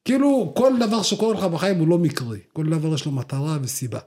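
With a mellow, somewhat high voice, a young man co-hosts a casual podcast, spinning slangy, rambling stories full of fillers and restarts.

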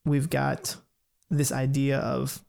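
Gravelly man explaining ideas casually. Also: mid-range voice, slow. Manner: relaxed, thinks aloud, laughs lightly.

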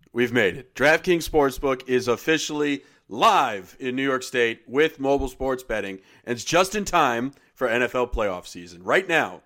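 A man, a podcast co-host, briskly reciting the legal disclaimer at the end of a sponsor ad read. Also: mid-range voice, a bit bright. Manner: brisk, formal recital of terms and conditions.

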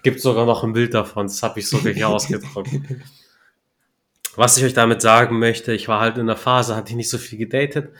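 A young man telling a story in relaxed podcast chat, slangy and laughing at his own punchlines. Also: mid-range voice, fast. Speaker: podcast co-host. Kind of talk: casual storytelling.

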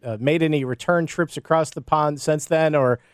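Podcast host with a higher voice. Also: male voice, fairly even intonation, normal speed, smooth, no room sound, studio quality. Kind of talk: casual interview chat.

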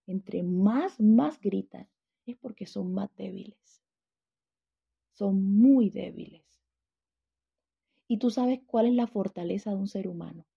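A woman's voice: medium pitch, creaky, husky, dull audio. A woman teaching a Bible lesson, telling stories and putting questions to her class.

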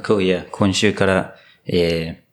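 Very deep voiced guy, hosting a chill interview, upbeat, faint rumble. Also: fairly even intonation, measured pace. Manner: upbeat, mixes English words into speech. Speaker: interviewer host. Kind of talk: casual interview chat.

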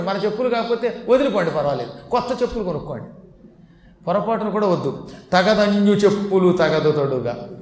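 A man telling a devotional story as a sermon and giving moral advice, slowly chanting verses along the way. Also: sits high, echoey room. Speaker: religious discourse speaker.

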